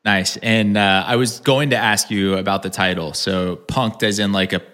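A man's voice: lowish voice, steady tone, normal speed, fairly bright tone. A man hosting a casual podcast interview, upbeat and asking easy questions. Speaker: podcast host.

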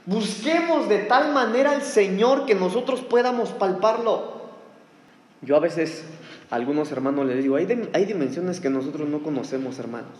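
A man's voice: sits high, animated, moderate pace, a little mellow. A man preaching a sermon to his congregation, calling them "hermano" as he speaks. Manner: impassioned, addresses congregation as "hermano". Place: church hall. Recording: echoey hall, faint room noise.

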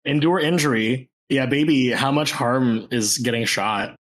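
A man's voice: medium pitch, measured pace, fairly bright tone. A man playing a tabletop game, joking and reading out rules in a slangy, playful way. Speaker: player. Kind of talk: casual tabletop play.

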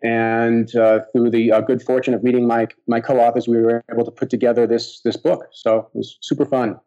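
A man from the US, a guest on a podcast, speaking casually with some pauses. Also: mid-range voice, flat delivery, dark tone, muffled recording. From Boston, USA. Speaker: guest author.

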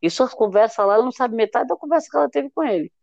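A woman chats on a podcast, acting out the quotes as she retells scenes. Her voice sits a little high and sounds dry and close. The audio is dull and muffled. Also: animated, very fast, vocal fry, darkish tone, no echo. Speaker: podcast host. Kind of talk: casual chat.

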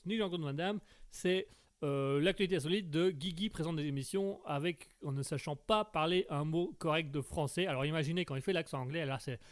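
A man hosting a casual live stream, rambling and making puns while reading chat messages. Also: fairly high pitch. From Belgium. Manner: rambling, punning, full of fillers and restarts.

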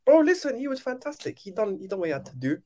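A man's voice: high-pitched, very animated, quick pace, a little mellow. A man with a London roadman accent trading casual football banter in slangy street talk as a panelist.

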